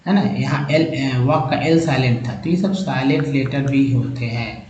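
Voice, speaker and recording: A man's voice: mid-range voice, moderate pace, a little mellow, echoey room, lo-fi sound, a little hiss or hum. A man teaching English reading from slides, spelling out letter groups and sounding out words in a repetitive drilling way. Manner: addresses viewers as friends, emphatic. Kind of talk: slide-based phonics lesson.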